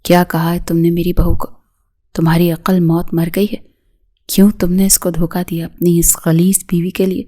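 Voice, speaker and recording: A woman's voice: fairly low pitch, monotone, dark tone, lightly acted. A woman doing a scolding, domineering mother-in-law. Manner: scolding, hissing with anger.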